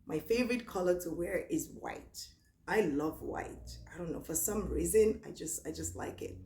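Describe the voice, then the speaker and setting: Chatty Nigerian woman, low voice, echoey room. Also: a little hiss or hum. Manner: chatty and relaxed, reads questions aloud slowly. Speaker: vlogger. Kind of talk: casual Q&A vlog.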